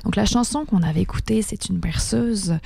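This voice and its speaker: A woman hosting a radio talk show, speaking slowly and hesitantly with many pauses and fillers. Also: mid-range voice, vocal fry, mellow, husky, no echo. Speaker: radio host.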